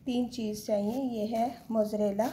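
A woman with a fairly high voice demonstrates a recipe in her home kitchen. She talks straight to her viewers, explaining each step in a friendly, chatty way and mixing in English words. A faint noise sits behind her voice. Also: level tone, a little slow, mellow. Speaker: home cooking channel host.

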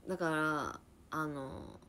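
Chatty young woman with a lively voice. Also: low-pitched, slow pace, slight background noise. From Niigata, Japan. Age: 20s. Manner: chatty, reacts to comments, laughs often. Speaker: livestream host chatting with viewers. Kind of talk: casual chat.

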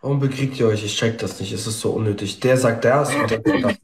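A man trying to calm a dispute, hesitant and searching for words. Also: lowish voice, quick pace, background noise. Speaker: mediator in a live stream. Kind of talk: live stream discussion. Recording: echoey room.

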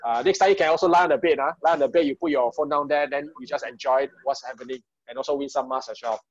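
A man's voice: mid-range voice, fast, no room sound. A man in his thirties with a Singaporean accent, casually hosting an online group party over a video call. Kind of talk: casual, informal hosting with Singlish particles. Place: small room at home, on a video call. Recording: dull, lo-fi video call audio.

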